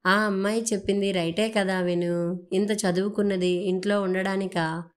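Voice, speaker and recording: A woman voicing a weary, gentle elderly father, speaking faintly. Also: medium pitch, flat delivery, moderate pace, lightly acted. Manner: faint, tired delivery.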